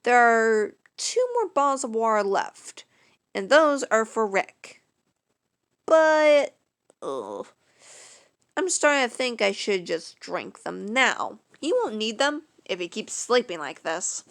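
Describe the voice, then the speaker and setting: A woman narrating a first-person fan story in a casual, unpolished way, with fillers and cleared throat. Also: on the high side, very animated, slow pace, fairly bright tone.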